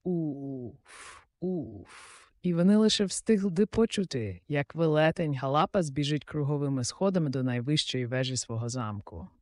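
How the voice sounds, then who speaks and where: A man's voice: a little high, brisk, hardly any pauses, no echo. Man narrating an audiobook, dry sound. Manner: lively, theatrical reading.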